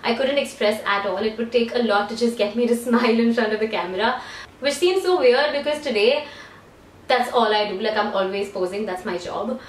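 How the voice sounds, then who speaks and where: A young adult woman from India, a beauty YouTuber, chats casually to camera in a room at home, rambling and poking fun at herself. Her voice is a little high and fairly quick. She's recorded from a distance, slightly off-mic, with a roomy echo.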